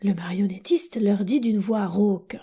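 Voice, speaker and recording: A woman narrating a children's storybook audiobook in a soft, hushed, breathy manner. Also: medium pitch, a little slow.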